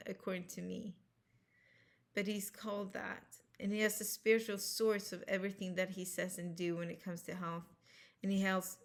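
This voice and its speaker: A Swedish-accented woman with a mid-range voice speaks English as her second language. She's a health vlogger talking casually and earnestly to camera, rambling, restarting, and correcting herself as she goes.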